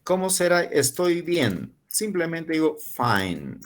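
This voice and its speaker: Slow-spoken man teaching English. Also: fairly high pitch, wildly swooping pitch. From Peru. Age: 40s. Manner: slow, drawn-out model phrases, repeating words for learners. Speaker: university English professor. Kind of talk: online class teaching English to Spanish speakers.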